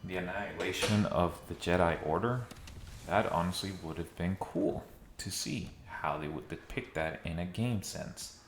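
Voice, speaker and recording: In a nearly bare room of his new home, a man speaking at normal speed in a low voice offers conversational commentary to viewers, now and then with dry sarcasm. He's a video essayist, and the empty space gives the audio a strong echo plus slight background noise.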